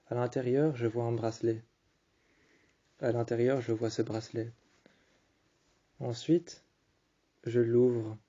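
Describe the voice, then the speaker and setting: Flat, mellow-voiced male storyteller. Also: medium pitch, lo-fi sound. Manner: calm, hesitant, repeats and restarts phrases. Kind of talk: improvised second-person romantic storytelling.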